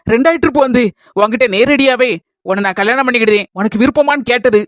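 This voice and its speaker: A woman acting a motherly village woman in a comedy skit, with a Kanyakumari Tamil accent, calmly explaining. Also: fairly high pitch, quick pace, no room sound, soft background music, natural voice. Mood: coaxing. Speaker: skit actress.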